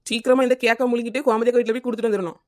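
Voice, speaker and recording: A woman plays a scatterbrained housewife in a comedy cartoon, chattering and wheedling in a Kanyakumari Tamil accent. Her voice is high. She talks fast and keeps circling back to the same name. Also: fairly even intonation, natural voice. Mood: grumbling.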